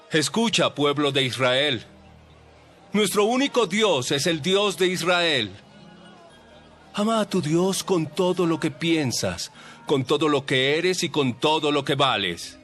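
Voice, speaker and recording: In an audio Bible drama, a man plays an authoritative religious teacher instructing his followers, with faint music underneath. His slightly high, fairly bright voice is emphatic and didactic, and the mood is solemn teaching.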